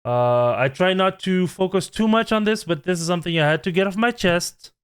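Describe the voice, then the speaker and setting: A man's voice: sits high, lively intonation, brisk, fairly bright tone, clear, resonant tone. A man in his twenties, a channel host, giving an earnest, pleading vlog rant. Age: 20s.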